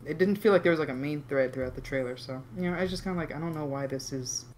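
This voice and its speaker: A man's voice: on the high side, very fast, darkish tone, a little hiss or hum. A man co-hosting a casual reaction podcast, rambling with hesitant restarts as he gives his take. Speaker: podcast co-host. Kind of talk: casual group reaction chat.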